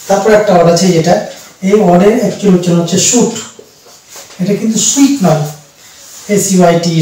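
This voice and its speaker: A man with a fairly high voice gives a patient pronunciation lesson, repeating himself and pausing with fillers. He sits back from the mic in a very echoey room, so his voice rings around the space. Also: a little mellow, recorded from a distance. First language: Bengali. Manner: slow, repetitive explaining with fillers. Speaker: English teacher.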